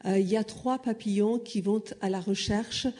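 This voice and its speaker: Iranian woman, persian first language, mellow voice, lots of umms, explaining stuff on a panel. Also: medium pitch, fairly even intonation, normal speed. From Iran. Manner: hesitant, many filler sounds. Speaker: panel speaker.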